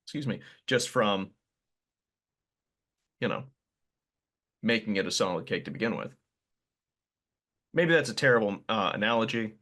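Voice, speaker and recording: A podcast host talking with a friend, his voice low-pitched but bright and forward. He rambles through thoughts and teases his own analogies. The tone is casual and conversational. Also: animated, normal speed, pauses often. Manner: chatty, rambling, self-deprecating.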